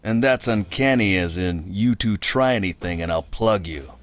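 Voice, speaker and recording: An actor playing a surly, sarcastic bodyguard with a mobster past in a comic cartoon game, curt and threatening. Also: male voice, low voice, expressive, moderate pace, dry recording, soft background music. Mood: surly menace. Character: surly, sarcastic male tough-guy bodyguard and former mobster. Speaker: presidential bodyguard character.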